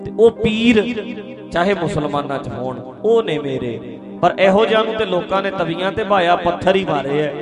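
Man w preaching, tells stories, goes loud then soft, music playing under. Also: high-pitched, animated, normal speed. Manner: storytelling, swings between loud and soft. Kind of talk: sermon with storytelling. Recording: music behind the voice.

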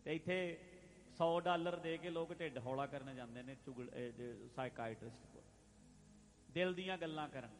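A man preaching a religious sermon, addressing listeners directly, repeating phrases and chanting scripture lines slowly. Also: a little high. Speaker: Sikh preacher.

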